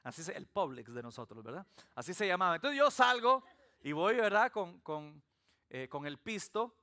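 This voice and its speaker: Preaching in church, a man from El Salvador speaks with a Salvadoran Spanish accent in a high voice at normal speed. As pastor, he delivers his sermon through lively, humorous storytelling.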